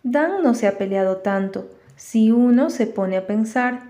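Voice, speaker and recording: Brief: woman playing a spirited storybook girl, high and eager, mellow tone. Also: measured pace. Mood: earnest. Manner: pleading, excitable. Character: spirited young girl, pleading and lively.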